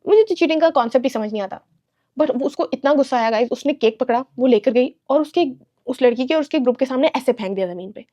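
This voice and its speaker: A young woman from Pakistan telling a casual storytime vlog, animated, acting out quotes and mixing in English. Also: sits high, quick pace. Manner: animated, mixes English into Urdu-Hindi, acts out quotes. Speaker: vlogger.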